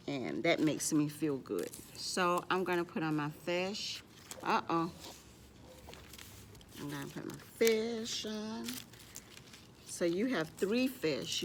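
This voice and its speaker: A deep-voiced woman runs a library storytime for young children, telling stories and showing off crafts while often speaking of herself in the third person. The recording carries a little hiss or hum.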